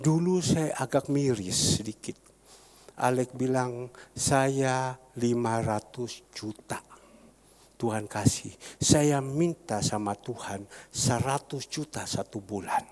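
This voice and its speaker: A man preaching as a pastor, repeating phrases fervently and rising to sudden loud peaks. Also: medium pitch, slow. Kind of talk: sermon. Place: large church hall. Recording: long church-hall reverb.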